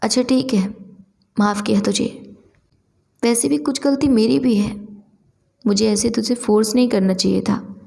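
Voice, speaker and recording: A woman's voice: on the high side, steady tone, unhurried, vocal fry, pauses often, dark tone. A woman voicing a playful, melodramatic young woman teasing her best friend in a story. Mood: gentle.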